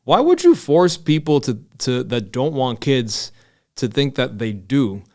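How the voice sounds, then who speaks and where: A Miami podcast host in his early thirties talks loosely and casually, rambling with lots of swearing and filler. His medium-pitched voice is very animated, a little slow, and somewhat mellow.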